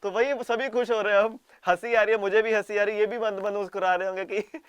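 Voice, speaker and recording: High-voiced chatty Hindi lecture teacher. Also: male voice, fairly even intonation, fast talker, smooth, no room sound. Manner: chatty, jokey, acts out quoted officials in asides. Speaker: current affairs teacher. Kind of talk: casual exam-prep lecture.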